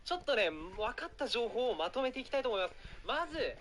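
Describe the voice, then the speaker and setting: A lively, quick-talking man hosts a casual live stream, his pitch leaping around as he rambles and keeps apologizing. His voice is bright and forceful. Faint background music plays under him.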